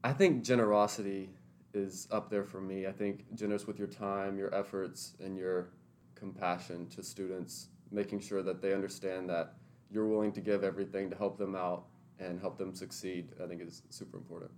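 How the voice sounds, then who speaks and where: A man's voice: low voice, level tone, normal speed, a little mellow, slight background noise. A young man in his twenties from Tennessee, answering interview questions in an earnest, thoughtful way with a few restarts. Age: 20s. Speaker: interview guest, teaching intern.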